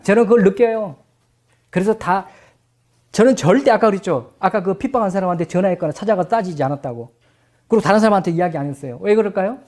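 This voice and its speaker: A middle-aged male pastor preaching a sermon, animated, acting out quoted voices and then dropping to soft, low tones. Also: fast talker.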